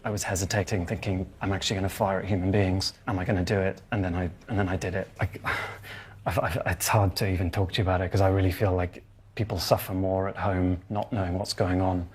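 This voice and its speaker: A young man from the United Kingdom, a former volunteer fighter, talking in a documentary interview in a quiet, halting and reflective way. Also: low-pitched, level tone, husky.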